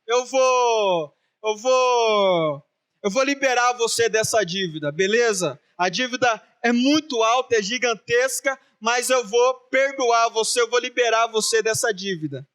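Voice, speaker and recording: A man's voice: very high-pitched, unhurried, a bit bright, clean tone. A preacher voicing a stern king. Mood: firm. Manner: firm, conversational, then scolding. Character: stern wealthy king, man, middle-aged.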